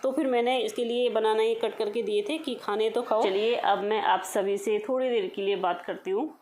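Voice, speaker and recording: A woman's voice: a little high, steady tone, normal speed, a little mellow, slight background noise, rough recording. A woman in her thirties chatting casually to viewers in a home vlog, talking to them directly. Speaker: vlogger.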